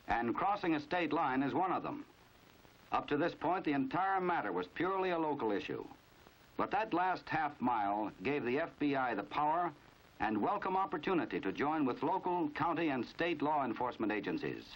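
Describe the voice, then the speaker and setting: A fairly high, sing-song voice at moderate pace: an American man narrating a 1950s crime training film with knowing, dramatic storytelling. The mood is wry and measured, and the audio is a dull, band-limited 1950s film soundtrack.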